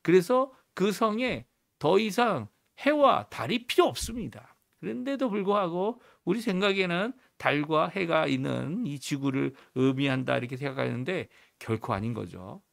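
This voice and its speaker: A man's voice: a little high, lively intonation, moderate pace, creaky. A man pastor giving an earnest teaching sermon at a morning prayer service, stressing words with rising emphasis. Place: church, morning prayer livestream.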